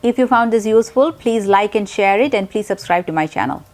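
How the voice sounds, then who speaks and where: A woman's voice: medium pitch, lively intonation, brisk, darkish tone. A woman teaching an English vocabulary lesson, explaining words carefully with example sentences and spelling them out letter by letter.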